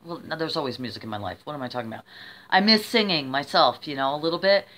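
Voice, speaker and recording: A woman's voice: deep voice, expressive, fast, fairly bright tone. A middle-aged woman with a mild cold, sounding a bit under the weather as she rambles casually to her viewers, often interrupting herself. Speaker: vlogger.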